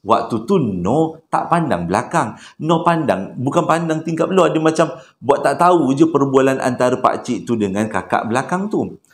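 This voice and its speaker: A man's voice: medium pitch, expressive, moderate pace. A man with a Malaysian Malay accent telling a horror story in a chatty way, acting out the characters. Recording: roomy echo.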